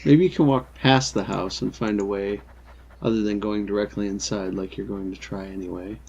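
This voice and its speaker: A man with a husky voice casually commenting on a game and reading its text aloud. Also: on the low side, steady tone, normal speed, a little mellow, highs cut off, a little hiss or hum. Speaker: game co-player.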